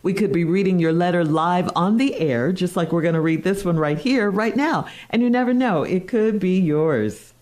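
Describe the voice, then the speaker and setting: A woman co-hosting morning radio in DJ style, reading listener letters in a measured, clearly phrased way. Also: on the low side, a little mellow.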